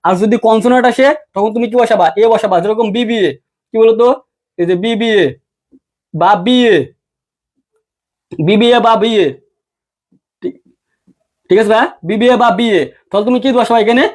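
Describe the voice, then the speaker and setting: High-pitched, fast-drilling young male tutor. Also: steady tone, a little mellow. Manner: drills students with repeated questions and answers; addresses the viewer as brother. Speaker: English tutor. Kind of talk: online exam-prep lesson.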